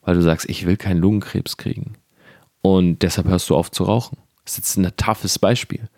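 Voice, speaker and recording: Young guy, really low voice, dark tone, talking straight at you like a motivational coach, dry close sound. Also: fairly even intonation, moderate pace, no echo. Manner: earnest, direct, addresses the listener as you; casual, with fillers and mild swearing. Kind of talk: motivational monologue to the listener.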